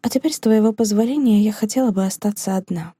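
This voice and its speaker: A woman reading an audiobook, voicing a heartbroken woman teacher who speaks in a hushed, trembling but firm manner. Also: medium pitch, quick pace, slightly rough, dry recording, clean studio sound, close to an everyday voice. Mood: sorrowful, resolute.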